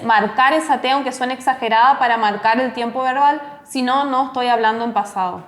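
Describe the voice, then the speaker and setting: A woman giving a recorded English class, explaining step by step and slowing down to model each English word. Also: sits high. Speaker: English teacher.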